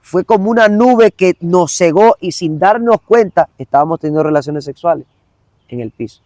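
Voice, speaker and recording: A man's voice: high voice, moderate pace, mellow, no room sound. Earnest man giving a testimony. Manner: earnest, repetitive, addresses the listener directly. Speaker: evangelist guest. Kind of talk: emotional personal testimony.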